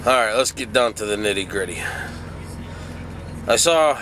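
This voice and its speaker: A man's voice: fairly low pitch, expressive, moderate pace, over music. A middle-aged man, sick and groggy as if hungover, talks casually in a folksy, plainspoken way as a truck driver vlogging. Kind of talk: casual vlog talk. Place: truck cab.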